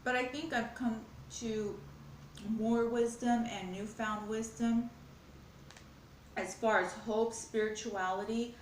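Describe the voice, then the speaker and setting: Woman vlogger, mid-pitched, rambling earnest chat over food, echoey home room. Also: a little hiss or hum. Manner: earnest, rambling, spiritual musing; talks with her mouth full. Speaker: mukbang vlogger. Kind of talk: casual chat while eating. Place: home, at a glass table.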